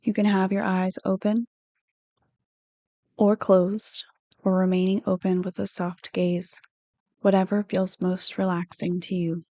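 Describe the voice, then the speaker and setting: In a close, dry recording with no echo, a woman leads a scripted guided meditation. She speaks like a counselor, relaxed and mellow, delivering soft instructions slowly and on an even pitch.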